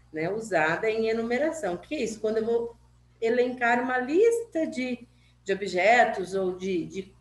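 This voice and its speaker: A Brazilian woman teacher, sick with covid and wearing a mask, gives a patient remote lesson to children and checks in with "né?" and "tá?" as she goes. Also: medium pitch. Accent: Brazilian Portuguese. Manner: slow, patient, with many "né?" and "tá?" checks. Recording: echoey room with faint hum.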